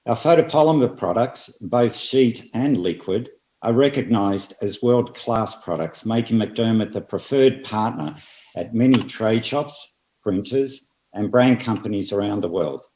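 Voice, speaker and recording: An Australian man presenting at an industry seminar, speaking in a measured way and hitting repeated phrases with emphasis. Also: fairly low pitch, darkish tone. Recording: roomy, slightly dull audio.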